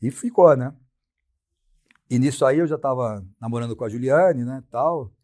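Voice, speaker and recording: A man's voice: mid-range voice, moderate pace, a little mellow. A middle-aged man with a Brazilian Portuguese accent, a podcast guest telling stories in a blunt, slangy way and acting out his own quoted lines. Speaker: podcast guest, sports science professor. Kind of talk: casual storytelling.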